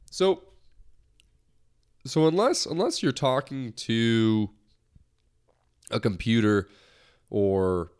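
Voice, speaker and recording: This is a casual solo podcast hosted by a young American man who rambles lightheartedly and keeps restarting. His low-pitched voice sounds darkish, clear and resonant, with a slight nasal tinge from a recent cold.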